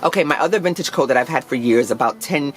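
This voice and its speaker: A woman's voice: low-pitched, expressive, fast talker, soft background music. Gushing chatty woman vlogger. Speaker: fashion vlogger. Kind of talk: casual chat.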